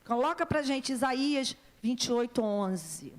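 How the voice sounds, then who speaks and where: A woman pastor preaches a sermon in a high voice. She tells her story with feeling and acts out the voices of the people she quotes. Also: big pitch swings, unhurried. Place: church hall.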